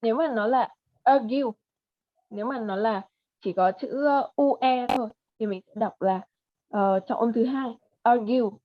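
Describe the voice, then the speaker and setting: A woman with a Vietnamese accent leads a one-on-one pronunciation lesson, repeating each word slowly and patiently. Her voice sits a little high. The call audio is dull and dry. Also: no room sound. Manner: patient, models words slowly and repeats them. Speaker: English pronunciation teacher.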